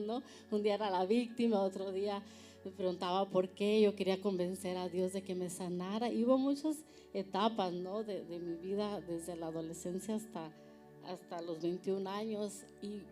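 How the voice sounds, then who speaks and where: A woman's voice: medium pitch, dark tone. A woman sharing an earnest personal testimony at a church panel, often ending phrases with a tag question. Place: church service.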